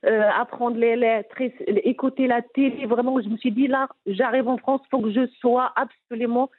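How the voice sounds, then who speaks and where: A woman's voice: a little high, fairly even intonation, moderate pace, breathy edge. A middle-aged woman with a Moroccan accent, telling her life story in an interview, earnest and emphatic with many restarts. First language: Moroccan Arabic. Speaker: interviewee, businesswoman. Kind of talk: candid personal interview. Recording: phone-like narrow band.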